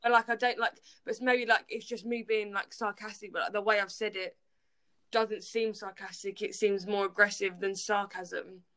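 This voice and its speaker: A woman's voice: mid-range voice, fairly even intonation, normal speed, a bit bright. A young woman, co-hosting a podcast, blunt and rambling, with lots of "like" and some swearing. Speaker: podcast co-host. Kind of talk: casual chat.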